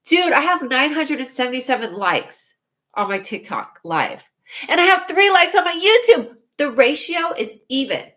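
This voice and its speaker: A young woman's high, whiny and needy voice moves at a moderate pace as she talks casually with viewers on her livestream. She rambles scatterbrained, belittles herself, and at times squeals excitedly.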